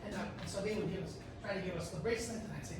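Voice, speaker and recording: A man's voice: high voice, very fast. A middle-aged man, a pastor, giving a casual travel briefing to a group as a chatty storyteller. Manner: chatty storyteller, frequent restarts. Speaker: pastor leading a trip meeting. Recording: echoey room from far off, noisy.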